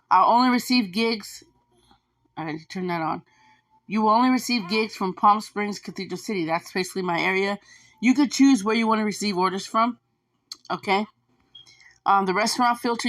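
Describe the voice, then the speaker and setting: Here a woman who drives food delivery chats casually with her audience, offering advice while circling back over the same points and dropping in lots of fillers. Her voice sits at medium pitch with a fairly bright tone.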